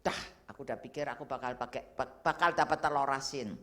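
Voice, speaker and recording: A middle-aged woman evangelist preaching a sermon, telling a personal story with lively swings from loud exclamations to hushed asides, slipping in English phrases. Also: very deep voice, brisk.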